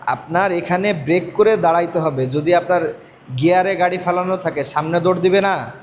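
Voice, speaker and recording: A man's voice: high-pitched, moderate pace, a little hiss or hum. A man teaching Quran reading in a call-and-response lesson, with a patient manner, asking questions over and over. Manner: patient, drills by repeating questions.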